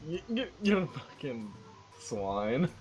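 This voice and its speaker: A man's voice: medium pitch, big pitch swings, takes it slowly, muffled recording, music in the background. A man playing in a tabletop game, bantering casually, swearing freely and blurting out jokes. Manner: swears freely, joking outbursts. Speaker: player.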